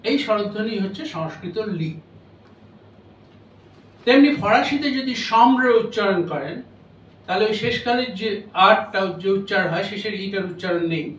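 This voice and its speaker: A man. He explains slowly and pauses between short phrases. The sound is roomy and distant, picked up from across a hall with a faint hiss behind it. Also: high voice, a bit bright. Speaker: lecturer. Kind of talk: memorial lecture on phonetics. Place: lecture hall.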